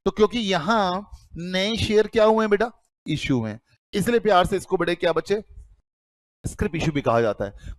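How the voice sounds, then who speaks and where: A man's voice: high-pitched, no echo. A man teaching accounting to a class, calling students "beta" and asking then answering his own questions. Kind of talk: classroom lecture.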